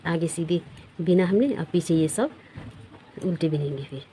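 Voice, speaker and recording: A woman's voice: sits low, lively intonation, moderate pace, dark tone, slight background noise. A woman teaching a knitting pattern step by step, counting stitches aloud and repeating herself as she shows each row. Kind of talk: step-by-step craft tutorial.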